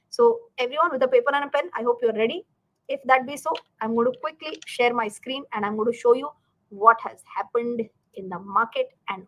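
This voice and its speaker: A woman's voice: a little high, rough recording. A woman with an Indian accent hosting a live-streamed lesson, speaking emphatically to her learners and often posing questions she answers herself. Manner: animated, emphatic, asks and answers own questions; addresses learners directly, checks in with "right" and "okay". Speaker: finance teacher and live stream host. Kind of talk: live stream lesson, chatty explanation to viewers.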